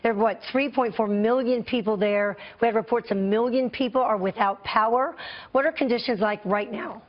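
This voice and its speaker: American lady news anchor doing breaking news live, brisk delivery, bit muffled broadcast sound. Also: on the high side. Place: TV news studio.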